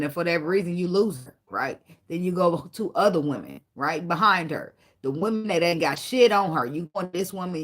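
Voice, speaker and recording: A woman's voice: medium pitch, a bit bright. Woman tarot reader, blunt and profane, preachy, choked up and tearful. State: tearful, fighting back emotion. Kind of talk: casual tarot reading monologue.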